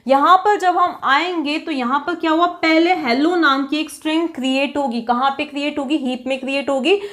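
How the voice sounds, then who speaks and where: A woman explaining programming, constantly asking and answering her own rhetorical questions. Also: high voice. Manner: quizzes herself with repeated rhetorical questions. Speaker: programming teacher. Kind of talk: classroom-style coding lecture.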